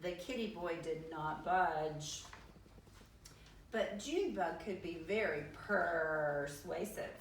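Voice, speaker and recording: Brief: expressive woman reading aloud to kids, roomy sound, a little distant, faint room hum. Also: lowish voice, slow pace. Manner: lively, expressive, playful. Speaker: storyteller. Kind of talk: reading a picture book aloud. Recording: echoey room, mic at a distance.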